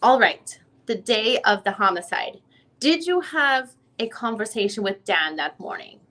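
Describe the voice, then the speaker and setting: Very animated yet measured in pace, a woman with a high-leaning, fairly bright voice acts out a lawyer examining a witness at a deposition. Her dramatic transcript reading stays formal, methodical and probing.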